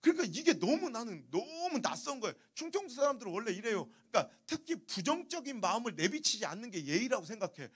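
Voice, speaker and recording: A man from Chungcheong preaching a revival sermon, telling stories in an animated, humorous way. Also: very high voice, fast talker, hardly any pauses, husky. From Chungcheong, Korea. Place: church sanctuary.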